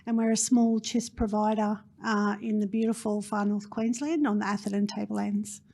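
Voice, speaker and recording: A woman's voice: medium pitch, fairly even intonation, moderate pace, creaky, a little mellow. A woman introducing herself as a chief executive on a conference panel, proud and a little hesitant. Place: conference stage.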